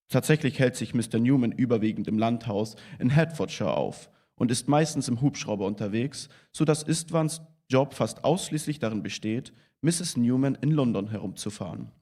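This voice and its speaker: A man giving a calm, measured reading of a novel at a book premiere. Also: mid-range voice. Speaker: reader of a novel's translation.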